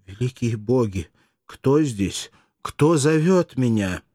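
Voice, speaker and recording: A desperate young woman pleads with her dying lover in a strained, high falsetto, as a male narrator puts her on. She sounds grieving and passionate, the voice pushed well above his own. This is storybook acting, set against a very dry sound. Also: steady tone, moderate pace, darkish tone, husky, no room sound, close to an everyday voice. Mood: frightened.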